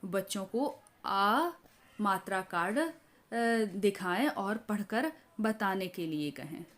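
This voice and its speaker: A woman teacher from India walks through a lesson slowly and deliberately, at an unhurried pace. She hesitates often with fillers and stretches out sample words as though saying them to small children. Her voice sits at an ordinary middle pitch. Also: animated, a bit bright. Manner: slow, halting explanation with many filler pauses; models words for children in drawn-out syllables. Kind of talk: teacher training walkthrough of a workbook lesson.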